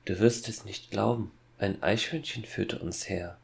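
A man voicing a calm, cold young boy who quietly threatens his father in a horror fairy-tale audiobook. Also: lowish voice, unhurried, gravelly. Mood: cold menacing.

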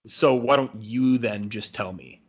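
A man's voice: medium pitch, unhurried, slightly rough. A man co-hosting a casual podcast, stammering and trailing off as he talks. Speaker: podcast co-host.

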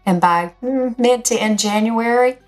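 An older woman with a raspy, slightly hoarse voice, speaking as a host in an encouraging, emphatic motivational talk straight to her listeners. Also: on the high side, measured pace, faint music behind. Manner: encouraging, direct address, emphatic. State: slightly hoarse, recovering from illness. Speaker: podcast host.

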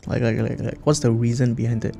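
Guy with a croaky mellow voice, casual chat, repeats himself a bit, soft guitar behind. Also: mid-range voice, flat delivery, fast talker. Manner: hesitant, repeats words, frequent "you know". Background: faint guitar music.

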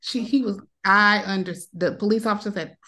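Speaking a little fast at a medium pitch, with a bright, forceful tone and fairly even intonation, a woman in her thirties tells a personal story as a podcast guest. She retells it emotionally and casually, performing the voices of the people she quotes.

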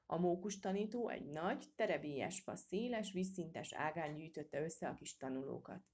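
A woman narrates a children's storybook aloud. Her voice is low, dark and mellow, with a husky grain, and she reads in a steady storytelling manner.

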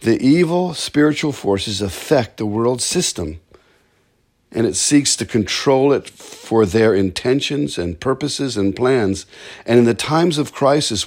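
A man preaching a sermon in an earnest, measured way, slowing down to stress key words. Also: mid-range voice, a little mellow.

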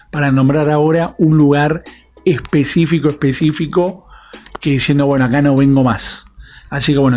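A man's voice: mid-range voice, darkish tone. A man leaving a rambling, hesitant voice message for a radio show. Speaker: radio listener caller. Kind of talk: recorded voice message.

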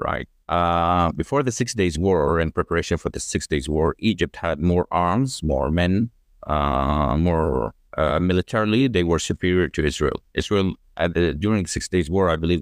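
A man with an extremely deep voice talks through a long explanation, pausing on fillers and restarting his sentences. The sound is dry and close, with no room echo. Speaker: guest. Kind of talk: conversational explanation.

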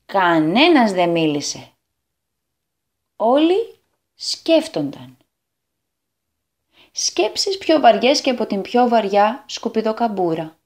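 A woman reading a children's story aloud on a community radio show, expressive and animated. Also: mid-range voice.

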